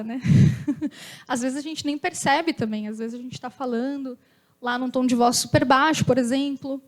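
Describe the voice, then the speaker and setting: A young woman with a high-pitched, naturally loud voice speaks at a company talk. She keeps it informal and chatty. Now and then she breaks into short acted-out dialogues. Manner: lively, chatty, acts out little dialogues.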